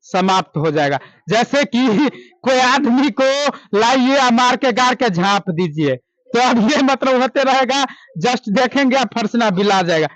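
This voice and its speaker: A male teacher with a Bihar accent leads a classroom grammar lesson in a high, unhurried voice. He keeps asking the class questions and repeating the answers back. He draws out his English examples slowly, and the sound is dry and close. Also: expressive, fairly bright tone, dry recording, low-quality recording. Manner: drawn-out slow English examples.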